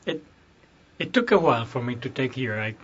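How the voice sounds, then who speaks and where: A man's voice: medium pitch, very animated, brisk, a bit bright, a little hiss or hum. A man from Cuba, a guest in a casual interview, speaking earnestly and often repeating words as he searches for them. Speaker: guest, restaurant owner. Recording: dull lo-fi podcast audio.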